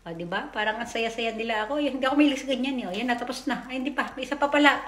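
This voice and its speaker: A woman's voice: a little high, racing, echoey room. A woman, a mother, giving a casual voice-over to her family video, chatty and stumbling over her words now and then. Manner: chatty, tags lines with "o, di ba?".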